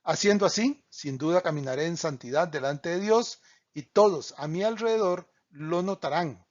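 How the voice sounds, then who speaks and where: A man with a slightly high voice teaches a Bible study, reading scripture passages and explaining them in earnest. He stumbles now and then and corrects himself before going on. The recording is dull and lo-fi, with little top end. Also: normal speed. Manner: reads scripture aloud, with small slips and self-corrections.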